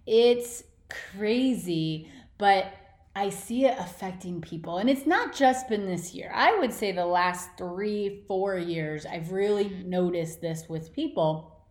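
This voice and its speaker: Speaking slowly and expressively, a woman with a medium-pitched, slightly mellow voice hosts a podcast. Her motivational monologue is casual, informal, emphatic and blunt, and the echoey indoor room gives the sound a roomy quality.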